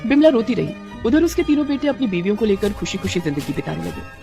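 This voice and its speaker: A woman narrating a scripted moral cartoon story with expressive storytelling. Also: mid-range voice, quick pace, creaky, music in the background.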